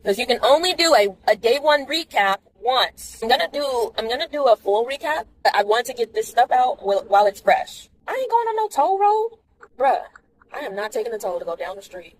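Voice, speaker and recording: A woman's voice: fairly high pitch, fairly quick, hardly any pauses, a little hiss or hum, low-quality recording. A woman talking candidly to viewers in a casual vlog while driving in the rain. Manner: chatty, candid, animated asides to viewers. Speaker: vlogger.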